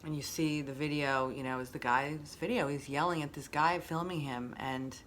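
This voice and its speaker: A woman's voice: deep voice, fairly even intonation, moderate pace, fairly bright tone, a little hiss or hum. A woman hosting a casual motivational monologue, reflective and repeating phrases for emphasis. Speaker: host.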